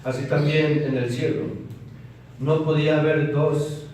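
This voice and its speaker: A man's voice: fairly high pitch, level tone, a little slow, a little mellow, slight background noise. A man preaching a sermon, reading scripture aloud and explaining it to the congregation. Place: church hall. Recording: very echoey hall, from far off.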